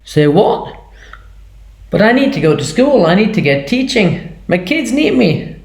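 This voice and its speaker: A man's voice: high-pitched, big pitch swings, a little slow, creaky. A man playing a teacher in a homemade drama, earnest and quoting literature aloud. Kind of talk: amateur video drama. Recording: echoey room.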